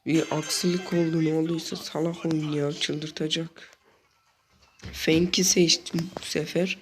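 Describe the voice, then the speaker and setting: Excitable young man commentating his game. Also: a little high, a little slow. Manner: excitable, frequently exasperated outbursts. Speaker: gaming channel host. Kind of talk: live gameplay commentary. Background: game music.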